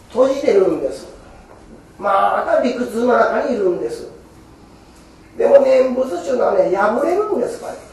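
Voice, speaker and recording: A man's voice: high-pitched, darkish tone. A man with a giving a Buddhist sermon in a folksy, earnest, coaxing way. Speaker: Buddhist preacher. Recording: very echoey hall, mic far off.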